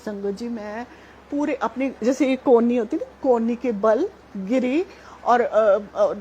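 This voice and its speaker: A middle-aged woman sharing a devotional testimony at a satsang, chatty and animated, often laughing as she tells it. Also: fairly high pitch, unhurried, lo-fi sound, a little hiss or hum. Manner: chatty, animated, laughs while telling, many fillers.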